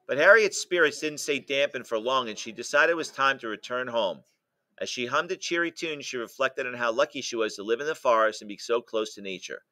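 A male teacher reading a humorous picture book aloud to students, breaking off to explain the jokes and ask the class questions. His voice is bright and sharp, and the recording is dry and close. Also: medium pitch, no echo. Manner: stops to explain jokes and quiz listeners.

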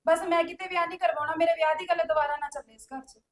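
A woman's voice: a little high, fairly even intonation, fairly quick, darkish tone, lightly acted. A young woman playing a hurt, resentful sister who sulks and answers back defiantly, with faint music behind. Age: young adult.

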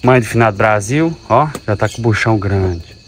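A man's voice: lowish voice, animated, normal speed, a little hiss or hum. A man, a dairy farmer chatting casually and fondly talking to his cows on a farm. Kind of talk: casual farm vlog narration. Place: outdoors on a cattle farm. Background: faint animal, bird and insect sounds.

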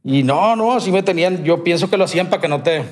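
A man's voice: high-pitched, expressive, quick pace. Slangy Sinaloan man telling a story. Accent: Sinaloan Mexican Spanish. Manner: slangy and rambling, heavy swearing. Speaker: podcast guest. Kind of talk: casual storytelling.

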